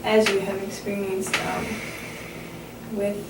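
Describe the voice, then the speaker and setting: A woman speaking as a counselor in a conversational role-play, measured and reassuring as she asks questions. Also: mid-range voice, flat delivery. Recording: echoey, distant, noisy room recording.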